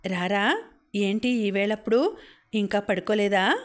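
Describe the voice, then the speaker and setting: A woman voicing a gentle, affectionate farmer father who speaks to his daughter in a tender, coaxing way. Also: mid-range voice, unhurried, natural voice.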